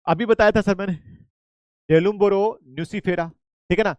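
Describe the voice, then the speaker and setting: The recording is close, dry and muffled as a man with a slightly high voice leads a live online exam-prep class at a moderate pace. He drills facts with lively repetition, quizzes students constantly, and slips English terms into his Hindi.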